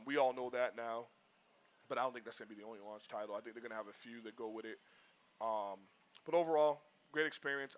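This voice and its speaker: A livestream co-host from Boston, US, rambles through casual chat and piles on the word "like". His mid-range voice sounds bright and forward, and his delivery stays loose and animated the whole time.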